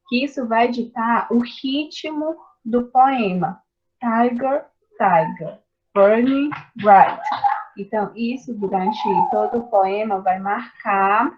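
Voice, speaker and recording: A woman giving a class presentation, explaining slowly with hesitant fillers. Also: mid-range voice. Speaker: student presenting a poetry assignment. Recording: dull lo-fi recording.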